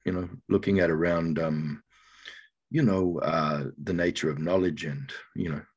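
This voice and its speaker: Deep, husky Australian man, laid-back. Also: steady tone, normal speed, a little mellow. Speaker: podcast host. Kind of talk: casual chat.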